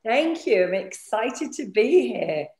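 A woman with a croaky, froggy morning voice, answering conversationally as a business coach being interviewed and repeating phrases for emphasis. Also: a little high, big pitch swings, slow, a little mellow. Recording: roomy, echoey sound.

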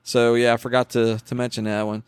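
A man hosting a casual chat, animated and opinionated, quick to scoff at claims he thinks are wrong. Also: medium pitch, clear, resonant tone, no echo, clean studio sound. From West Virginia. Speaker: podcast host.

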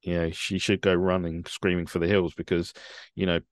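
A man with a very deep voice talks in a dry, wry, opinionated way. His voice sits close and dry, with no room sound around it. He speaks in a relaxed, chatty manner. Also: normal speed, dry recording. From United Kingdom. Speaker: podcast host. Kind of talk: casual chat.

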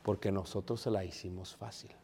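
A man's voice: low voice, fairly even intonation, brisk, creaky, warm tone, a little hiss or hum. Bilingual preacher man in a reverberant hall. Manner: preachy, addresses congregation as brothers, mixes English phrases. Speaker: pastor. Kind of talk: sermon. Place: church.

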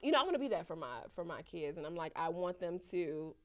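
A woman's voice: fairly low pitch, big pitch swings, fast talker. A woman hosting a podcast, a mother, chatting casually in slang and laughing often. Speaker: podcast host.

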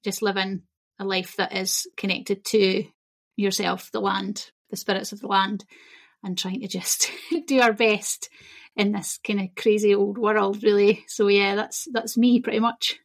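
A Scottish woman chats as a podcast guest, with a middling pitch. She talks easily and laughs often, with animated bursts. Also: unhurried, gravelly. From Scotland. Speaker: guest, shamanism teacher. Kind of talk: casual interview chat.

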